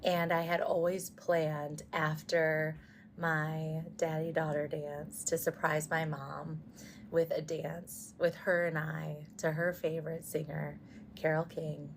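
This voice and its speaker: A woman recounting her own wedding day in a slow, measured, composed way in a social media clip. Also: low voice, little pitch movement, vocal fry, a little hiss or hum. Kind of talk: heartfelt personal account.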